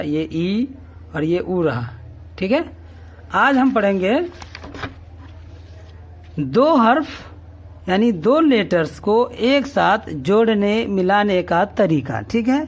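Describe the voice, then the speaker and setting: A man teaching a reading lesson, speaking slowly and patiently. He drills each syllable over and over and keeps checking that the learner follows. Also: high voice. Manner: slow, patient drilling, repeating each syllable three times; often asks "ٹھیک ہے؟" to check understanding. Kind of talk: classroom-style reading lesson.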